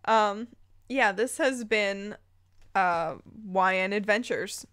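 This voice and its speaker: Speaking slowly in a clean, fairly bright voice of medium pitch, a woman reads fan fiction aloud with drama. She's the host, stopping now and then for playful, disbelieving commentary.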